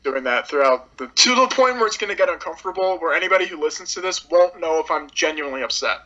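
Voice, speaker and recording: A man's voice: fairly high pitch, animated, fast, pushed and bright. A young man co-hosting a podcast, chatting casually in a sarcastic, laughing, profane way. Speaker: podcast co-host. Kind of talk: casual chat. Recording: dull lo-fi sound.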